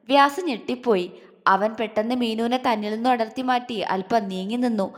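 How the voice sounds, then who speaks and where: A woman narrating a romantic audio story in a gentle, even storytelling manner. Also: a little high. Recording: long hall reverb.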